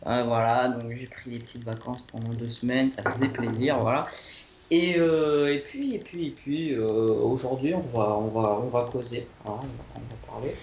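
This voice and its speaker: A man's voice: medium pitch, fairly even intonation, normal speed, a little mellow. A young man chatting casually about his holiday, hesitant, with many fillers and restarts. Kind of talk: rambling casual chat. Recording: echoey room, faint noise.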